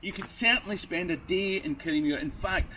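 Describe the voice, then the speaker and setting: Speaking to camera with traffic noise around him at a noisy outdoor location, a Scottish history tour guide shares travel stories. His high voice is brisk, pushed and bright, and his manner is conversational and wry.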